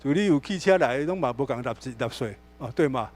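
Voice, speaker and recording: A man's voice: mid-range voice, quick pace. A male pastor with a Taiwanese Mandarin accent, preaching a sermon in a church and telling stories with acted-out dialogue. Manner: animated storytelling, acts out dialogue. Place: church sanctuary.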